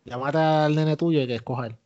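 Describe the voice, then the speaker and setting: A man co-hosting a podcast, joking and animated. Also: fairly high pitch, brisk. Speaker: podcast co-host. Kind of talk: casual podcast chat. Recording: dull lo-fi podcast audio.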